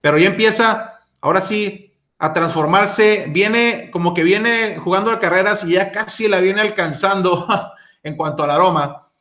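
A man's voice: high-pitched, unhurried, bright, forceful tone, echoey room. A middle-aged man, casually reviewing a fragrance, chatty with many fillers and restarts. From Mexico.

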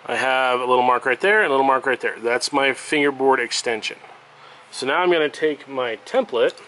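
Man, violin repair tutorial, relaxed step-by-step explaining, middle pitch, faint workshop noise. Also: brisk. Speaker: violin maker. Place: workshop bench.

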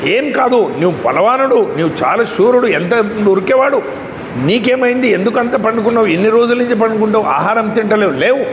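A man doing a coaxing young goat, high voice. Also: lively intonation, a little fast, roomy sound, long reverb tail, background noise. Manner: coaxing, pleading. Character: kindly young goat coaxing a sick horse.

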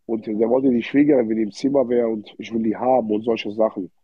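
A man's voice: lowish voice, level tone, brisk, breathy edge, no echo. A man with an Arabic-influenced accent in German, chatting casually on a livestream in streetwise slang, with frequent Arabic interjections and repeated words. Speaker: livestream host. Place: indoor hotel room. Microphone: phone without headphones, held close. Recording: dull, lo-fi phone livestream audio.

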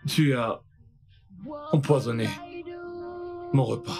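A bitter woman accuses her enemy. Her voice is very deep and gravelly. Guitar music plays behind her. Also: slow pace, full character voice. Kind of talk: French film dub.

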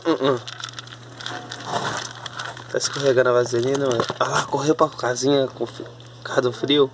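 A woman with a Brazilian Portuguese accent filming her dogs in the backyard and talking to them in cooing baby talk. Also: low voice. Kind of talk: casual home video, talking to puppies. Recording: noisy home phone video.

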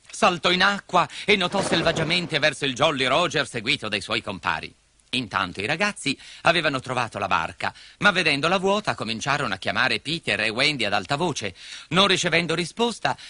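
Lively storyteller guy, reads a fairy tale with lots of pitch movement, music playing under him. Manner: expressive, shifting into character voices. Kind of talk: scripted storybook narration. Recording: music behind the voice.

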